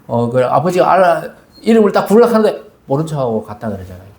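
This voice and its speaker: A man delivers a Sunday sermon in a loose, conversational way, slipping into little acted voices for the people in his stories. His voice sits slightly higher than most men's. The recording carries the echo of a church sanctuary. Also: quick pace. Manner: conversational, animated storytelling with quoted voices. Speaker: pastor. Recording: echoey church hall.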